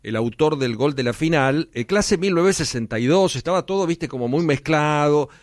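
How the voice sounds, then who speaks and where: A man with an Argentine Spanish accent hosting a casual interview, chatty and quick to affirm with short interjections. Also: fairly high pitch, expressive, dry recording, clean studio sound. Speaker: radio host.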